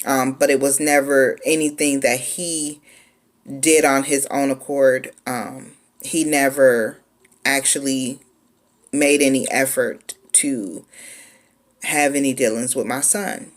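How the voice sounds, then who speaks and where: A woman in her forties telling a personal story in a casual, laid-back way, with frequent pauses. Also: very deep voice, fairly even intonation. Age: 40s. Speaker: vlogger.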